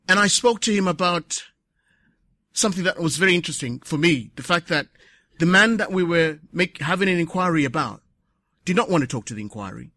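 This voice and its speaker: A man speaking at a conference, short of breath, earnest and reflective, pausing to correct himself. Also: fairly high pitch, lively intonation, sharp tone, no echo, clean studio sound. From Zimbabwe. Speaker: conference speaker, patient advocate. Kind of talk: conference speech. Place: conference hall.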